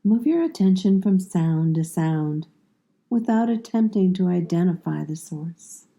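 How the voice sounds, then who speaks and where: With a fairly low-pitched voice, a woman instructs a guided yoga nidra meditation, her soothing, calm phrases measured and broken by long pauses.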